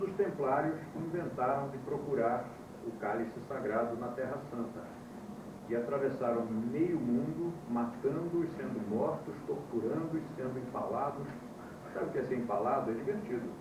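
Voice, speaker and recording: Recorded from afar onto old VHS tape, the lecture sounds muffled, echoey and noisy in the background. The instructor has a fairly high voice. He spins stories with a wry touch and puts questions to the class.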